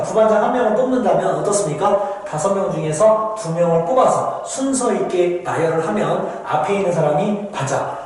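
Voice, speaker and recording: A man's voice: sits high, a little mellow. Male math teacher in an echoey room. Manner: explains patiently, keeps saying "ja" and addressing students; asks questions and answers them himself. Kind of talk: recorded math lecture. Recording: echoey room with long reverb.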